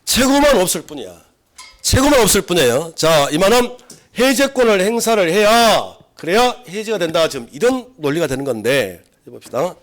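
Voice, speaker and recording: A middle-aged man lectures a classroom on civil law. His pitch sits a little high, and his voice swings widely as he acts out examples. He keeps firing questions at the students. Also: big pitch swings, normal speed. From South Korea.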